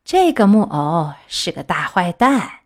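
A woman's voice: fairly low pitch, very animated, unhurried, exaggerated voice. A woman voicing a stern, scolding talking cricket in a storybook.

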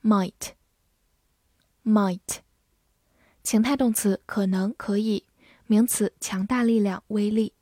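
A woman teaching English vocabulary in Chinese, spelling each word letter by letter and reading example sentences slowly and carefully. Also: mid-range voice, fairly even intonation, dark tone, dry recording, studio quality. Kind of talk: scripted vocabulary lesson.

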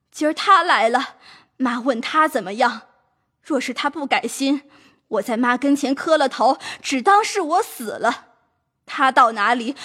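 A woman's voice: high-pitched, fairly bright tone, slightly rough, heavily acted. A woman playing a servant woman who pleads with her mistress and tells a long sad story. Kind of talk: audio drama acting.

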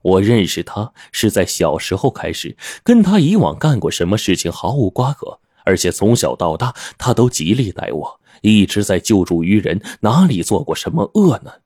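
Low-voiced, lively male audiobook narrator. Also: normal speed, hardly any pauses, husky, no room sound, clean studio sound. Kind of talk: first-person novel narration.

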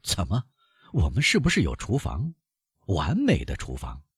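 A man voicing a bandit guard who answers softly and with mocking politeness. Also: huge pitch swings, moderate pace, husky, dry recording, studio quality, heavily acted. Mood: mock-polite. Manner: soft, low and mockingly polite. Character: calm, courteous male bandit guard.

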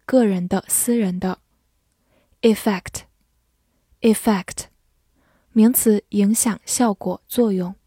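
A woman's voice: medium pitch, mellow, no room sound, studio quality. A woman teacher reviewing vocabulary, saying each English word twice and then listing its parts of speech and meanings.

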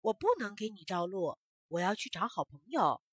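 A woman voicing a small, eager, lonely firefly who is searching for friends, calling out high and bright and refusing flatly. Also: normal speed, breathy edge, dry recording, clean studio sound. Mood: stubborn.

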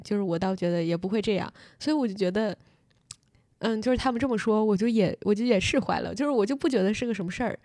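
A woman's voice: mid-range voice, mellow, no echo, clean studio sound. A young woman telling a story about school friends in casual podcast chat, full of fillers and restarts. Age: young adult. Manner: rapid storytelling with many fillers. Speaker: podcast host.

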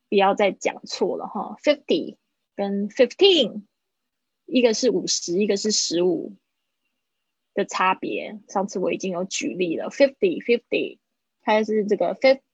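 A woman teaches English in a livestream lesson. Her voice is a bit breathy, at a middle pitch. She says the phrases slowly, then explains them briskly, and the dry recording sounds slightly muffled. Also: no room sound. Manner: slow drilled English phrases between quick Mandarin explanations.

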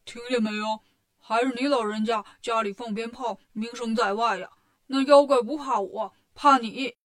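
A woman voicing a clumsy pig monk, whiny, drawn-out, storybook. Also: fairly high pitch, steady tone, close to an everyday voice. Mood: teasing.

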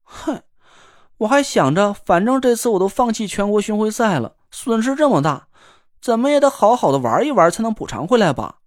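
A man's voice: high voice, big pitch swings, fairly quick, dry recording, clean studio sound. A man doing a pouting spoiled girl. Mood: sulky. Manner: sulky, pouting. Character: spoiled sulky young woman.

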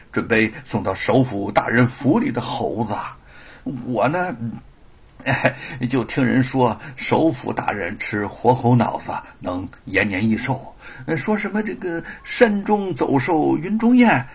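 A man's voice: medium pitch, lively intonation, measured pace, husky, exaggerated voice. A man voicing a poor young male thief who stammers and repeats his words, sheepish and pleading.

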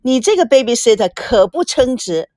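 A woman's voice: a little high, sing-song, dark tone, no echo, studio quality. A woman voicing a chatty, teasing woman on a film crew who likes to needle her friends. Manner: chatty and teasing, lots of drawn-out particles.

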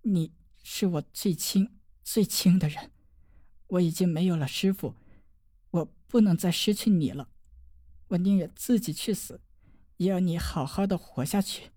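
一位女性在有声书中演绎一个温柔痴情、奄奄一息的年轻女子，说话轻柔断续，带着哭腔。. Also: female voice, lowish voice, dry recording, studio quality. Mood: tender. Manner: soft, halting, tearful. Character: dying gentle young woman, tender and devoted. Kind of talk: audiobook drama reading.

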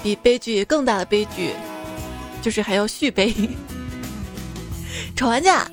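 A woman's voice: medium pitch, expressive, measured pace, music in the background. A woman host delivering a scripted comic monologue in a playful, teasing way, often breaking into laughter. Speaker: radio host.

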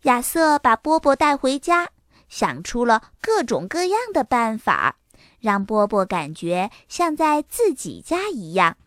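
A woman reading a children's story aloud in an expressive storytelling manner. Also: a little high, a little slow, dry recording, clean studio sound.

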